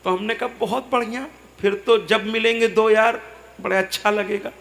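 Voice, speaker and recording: High gravelly man telling a devotional story. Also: steady tone, moderate pace. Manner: storytelling, acting out both sides of a conversation; softens to a gentle murmur when speaking to a child on stage. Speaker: katha preacher. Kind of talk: devotional discourse to a live audience.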